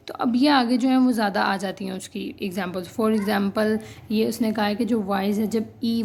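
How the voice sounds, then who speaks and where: Young female grammar teacher, unhurried, slight vocal fry, keeps checking students follow, spells out suffixes. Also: fairly high pitch. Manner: checks in constantly with "ठीक है?", spells out word endings letter by letter; addresses students as "बेटा", gently reassuring. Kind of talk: classroom-style grammar lesson mixing Hindi and English.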